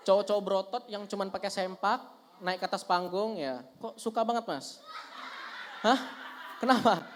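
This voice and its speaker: A man's voice: high voice, normal speed, long pauses, slight background noise. Teasing young stand-up comedian, man. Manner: lively, teasing, talks to the audience.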